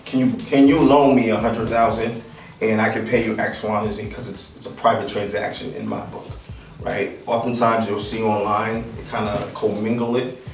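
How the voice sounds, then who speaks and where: With faint music behind him, a Liberian man in his thirties leads an informal real estate talk for a seated audience in a room of a house, often saying "right?" and "um." His lowish voice is steady and moderately paced. The echoey recording comes from a distant camera.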